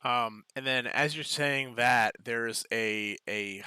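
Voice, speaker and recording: A man narrates a tabletop game slowly, stopping often to think. His voice is very bright and sits close and dry on the mic. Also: medium pitch, clear, resonant tone, no echo. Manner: relaxed, halting narration with many fillers. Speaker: game master.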